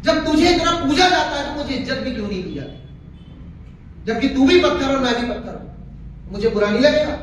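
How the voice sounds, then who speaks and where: A man's voice: very high voice, animated, brisk, long pauses, fairly bright tone, slight background noise. A man voicing a quarrelsome, jealous male tile stone that complains bitterly, recorded in a very echoey hall from a distance. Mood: aggrieved.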